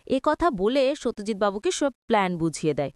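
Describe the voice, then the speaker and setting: A woman narrating a storybook retelling of a TV serial in a steady, matter-of-fact way. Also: mid-range voice, fairly quick, dry recording, studio quality.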